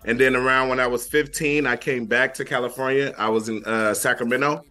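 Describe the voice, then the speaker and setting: A young rapper from Flint, Michigan talks casually as an interview guest in a mid-range voice that is steady, fairly quick and sharp. He is laid-back, repeats phrases and uses many fillers.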